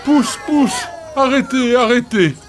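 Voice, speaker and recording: A jolly, good-natured village carpenter, as a male storyteller plays him, speaking slowly and heartily. His pitch swings up and down with lively warmth as he jokes with the children. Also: background noise. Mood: jovial.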